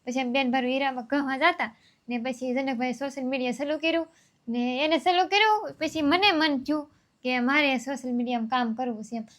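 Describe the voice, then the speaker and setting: A young village woman talks in a loose, rambling way and circles back over her points. Her voice sits high. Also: a little fast. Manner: rambling, homely, repeats herself. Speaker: vlogger. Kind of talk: casual storytelling.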